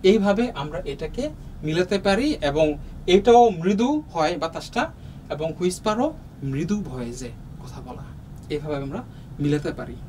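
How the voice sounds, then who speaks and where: A man teaching young students, with a Bangladeshi Bengali accent, has a voice on the high side that is animated yet mellow. He goes slowly and patiently, pausing often and using fillers, while the rough recording catches him far from the mic amid faint room noise.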